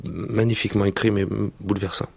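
Gravelly-voiced man, hesitant and thoughtful. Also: on the low side, level tone, brisk, a little mellow, no room sound. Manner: hesitant, thoughtful, many restarts. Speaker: actor, guest. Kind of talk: reminiscing interview and reading aloud.

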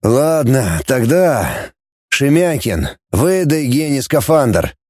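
A man voicing a gruff, mocking male fleet commander who barks orders, in an audiobook. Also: medium pitch, big pitch swings, takes it slowly, darkish tone, no echo, studio quality. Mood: barking. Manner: barking orders, sneering.

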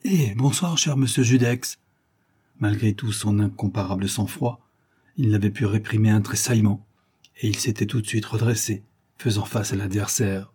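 A man reads an old adventure novel aloud in measured, theatrical narration. His voice is low and husky, with a dark, mellow tone. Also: little pitch movement. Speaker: audiobook narrator. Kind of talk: scripted narration.

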